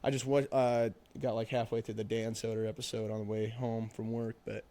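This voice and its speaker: A man's voice: lowish voice, level tone, brisk, dark tone. Casting: young man, loose rambling podcast host, swears freely, leans on filler words. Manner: rambling, profane, full of fillers. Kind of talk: casual chat.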